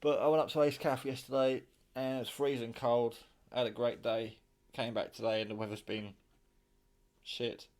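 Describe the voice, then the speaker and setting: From his kitchen, a British hobbyist rambles through an off-the-cuff demonstration of a radio he built himself, informal and mildly sweary. His voice is mid-range and darkish, moving little in pitch at a normal speed.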